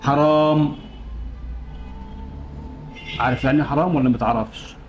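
A man's voice: fairly high pitch, steady tone, moderate pace, soft background music, natural voice. A man playing a middle-aged Egyptian father who lectures and scolds his grown children in a comedy sketch. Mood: stern. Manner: lecturing, reproachful.

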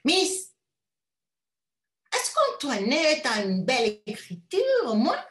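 A woman voicing a shrill, domineering wealthy mother who scolds loudly in a high voice. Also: wildly swooping pitch, slow, roomy sound, exaggerated voice. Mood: scolding. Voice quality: loud, high-pitched, scolding.

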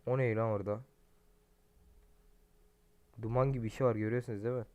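A young adult man giving casual, profane, excitable commentary while playing a game and talking to his viewers. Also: medium pitch, fast. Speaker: gaming streamer. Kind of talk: casual let's-play commentary.

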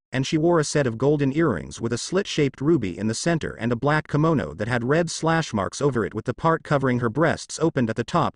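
Man, fan fiction narrator, descriptive storytelling, lively pitch, dry close recording. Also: no echo. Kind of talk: reading fan fiction aloud.

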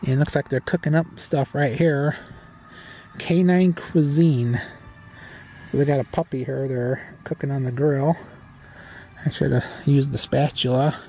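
A man's voice: medium pitch, steady tone, measured pace, long pauses, dark tone, soft background music. A middle-aged man casually narrating a walk through an outdoor haunted farm at night, reading the signs aloud with dry jokes, into a handheld phone. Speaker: vlog host.

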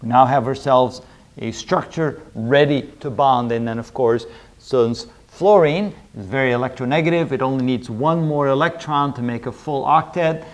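In an indoor room with a whiteboard, a middle-aged man delivers a chalk-talk chemistry lecture at normal speed. His voice sits in the mid range, and he explains each step while often restating his phrases.

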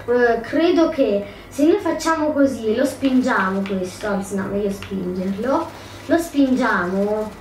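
A woman with a slightly high, darkish voice gives casual let's play commentary, thinking aloud as she plays. She hesitates and corrects herself often. The recording is roomy, with a distant mic and faint noise.

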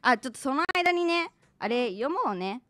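A woman's voice: sits high, normal speed, dry recording. A woman hosting an internet radio quiz, teasing her guests and laughing often in playful studio chat. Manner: giggly, teasing, lively. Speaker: radio show host and quizmaster.

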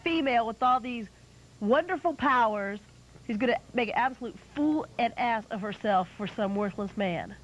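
A woman's voice: a little high, animated, moderate pace. A woman co-hosting a casual chat, opinionated and teasing. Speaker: co-host. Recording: dull lo-fi 1990s cable recording with faint hiss.

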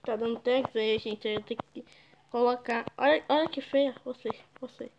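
A woman's voice: fairly high pitch, moderate pace, vocal fry, a little mellow, muffled recording, a little hiss or hum. A young woman, chatting casually and teasing others while she plays a game on stream. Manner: chatty, teasing, exclaims often. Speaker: gaming YouTuber. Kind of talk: casual gameplay commentary.

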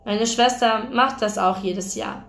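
A woman's voice: on the high side, a little slow, fairly bright tone. An affectionate teenage boyfriend, read by a woman in her own voice, speaks tenderly and sometimes sulks. The recording carries a roomy echo.

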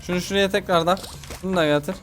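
Young guy gamer freaking out over a horror game, really high voice, bit of hiss behind. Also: fairly even intonation, very fast. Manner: panicky, exasperated, pleading and yelling at the enemy. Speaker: gaming YouTuber. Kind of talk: horror game let's play commentary.

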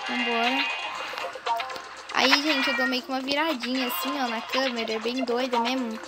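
A woman hosting a gaming channel, chattering excitedly through casual gameplay commentary while constantly talking to her viewers, recorded without her usual microphone. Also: high voice.

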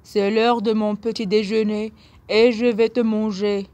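A woman doing a grumpy one-eyed monster, loud and growly, storybook read slow. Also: mid-range voice, flat delivery, no room sound, natural voice. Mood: gruff. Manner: gruff, roaring. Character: horrible one-eyed monster, hungry and gruff.

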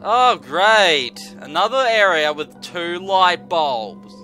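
He takes it slowly in a high-pitched, sharp-toned, animated voice. With game music in the background, his horror-game let's-play is casual and profane, full of jumpy scares, sarcasm, swearing and exclamations.

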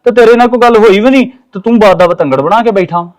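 A man acting as a fatherly elder brother with a reproachful, lecturing way of talking. His voice is pitched very high for a man. It is a family drama scene. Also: fast, close to an everyday voice.

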